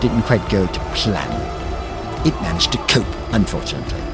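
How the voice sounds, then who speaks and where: Playing a defiant, eccentric alien time traveller in a sci-fi audio drama, a man gives theatrical, expressive speeches with a wry air, music playing behind. His voice is on the low side, creaky, and moves at a moderate pace.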